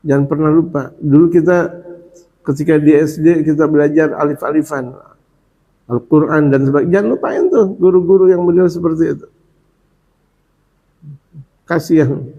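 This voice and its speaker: Lively preacher chanting dhikr. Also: male voice, fairly high pitch, moderate pace, pauses often. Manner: repetitive chanting of dhikr phrases; lively, colloquial with humorous asides. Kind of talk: Ramadan sermon. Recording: dull lo-fi recording.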